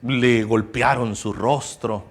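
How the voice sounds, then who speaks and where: A man preaching a sermon as pastor of a church, passionate, rising to loud emphasis and dropping to hushed tones, and asking his listeners rhetorical questions. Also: medium pitch, steady tone, slow. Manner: asks the congregation rhetorical questions.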